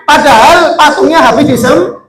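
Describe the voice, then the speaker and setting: A man's voice: very high voice, normal speed, fairly bright tone, voice pushed up. A man voicing a remorseful early convert who laughs at his own past folly, told in a self-mocking storytelling way. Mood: rueful. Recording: echoey room.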